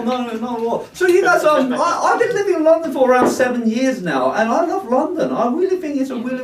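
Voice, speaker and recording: A man's voice: very high voice, background noise. A man in his thirties from Australia doing a chatty stand-up set in a pub, often laughing at his own jokes. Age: 30s. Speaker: stand-up comedian. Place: pub comedy room with audience. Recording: roomy, distant audience recording. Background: audience laughter.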